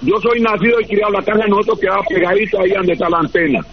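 A man's voice: sits high, rapid-fire. A man calling in to a radio show, talking earnestly and at length about local complaints over a muffled line. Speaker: radio caller. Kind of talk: phone-in chat. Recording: muffled line with faint noise.

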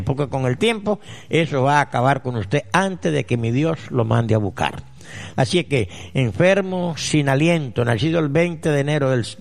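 A man reads listener letters on a radio show and answers them in a solemn, earnest tone. His voice sits a little high for a man. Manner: solemn, earnest advice with mystic tone. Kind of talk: radio call-in letter reading and advice.

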